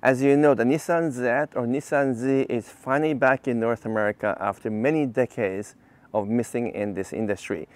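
A man in his fifties from Japan, an engineer, reviews cars to camera in a semi-scripted, casual way, sounding enthusiastic and explanatory. His voice is mid-range and steady at a normal speed. He's outdoors on a quiet, leafy residential street, picked up by a clip-on lavalier mic on his chest.

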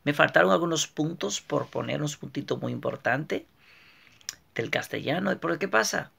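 A man hosting a casual motivational monologue, talking in an animated way and repeating phrases for emphasis. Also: fairly high pitch, normal speed, gravelly, breathy edge. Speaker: motivational video host, author.

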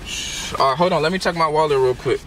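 Recorded on a handheld camera in a noisy car interior, a young man poses as a prank customer at a drive-through, rambling casually in slang. He talks quickly in a fairly high, slightly bright voice.

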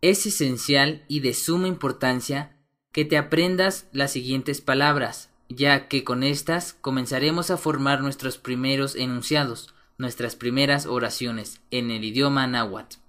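A man teaches a slow, deliberate language lesson, carefully enunciating vocabulary and giving each word's meaning one at a time. His voice is mid-range and a bit bright, with fairly even intonation.

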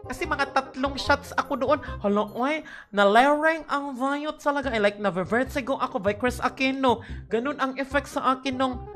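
A woman's voice: high voice, normal speed, a bit bright, soft background music. A young woman chatting casually on a game stream, greeting viewers by name with sudden shrieks, tired and with a headache. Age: young adult. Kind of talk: casual live-stream chat.

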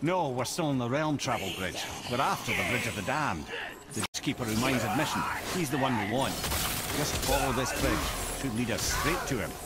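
A wry, talkative counselor, voiced by a man, with lively, swooping intonation, chattering advice and warnings. Loud game music plays under him. He sounds like video game dialogue. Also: medium pitch, brisk, natural voice. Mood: advising. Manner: chatty, storytelling guide giving directions.

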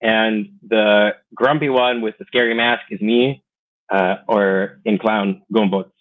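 An American man in his thirties, a goofy, chatty guest who is both teacher and clown, speaks in a lowish voice with fairly even intonation. He's playful and full of quick asides during a casual video call interview from a small indoor room. His webcam audio comes through tinny, like a phone line.

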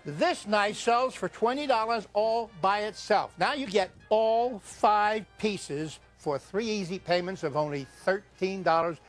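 An older man giving a folksy, emphatic hard-sell TV ad pitch, putting rhetorical questions to the viewer. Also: unhurried, few pauses, soft background music. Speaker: TV infomercial pitchman. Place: TV kitchen studio set.

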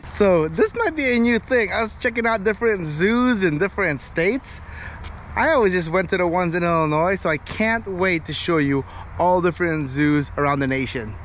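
A man's voice: sits high, animated, normal speed, fairly bright tone. A middle-aged man narrating a casual walking-tour vlog with a camera held at arm's length, chatty and upbeat as he walks. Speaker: family vlogger. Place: outdoors at a zoo. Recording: outdoor noise.

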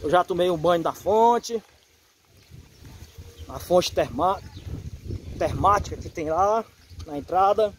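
A man, vlogging excitedly outdoors at a water park, shouting cheerfully and praising God. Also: high voice, slow pace, long pauses, a little hiss or hum. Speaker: YouTuber and pastor. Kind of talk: casual vlog narration.

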